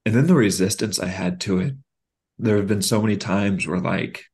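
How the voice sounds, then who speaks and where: Low-voiced man, casual podcast talk, candid and halting, lots of ums and restarts. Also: a little mellow. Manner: halting, frequent fillers and restarts; candid and reflective.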